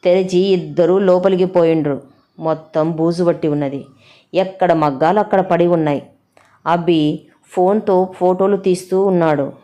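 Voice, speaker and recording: A woman narrating a village story in a steady, plain way, with a Telangana Telugu accent. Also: lowish voice, moderate pace, dull audio.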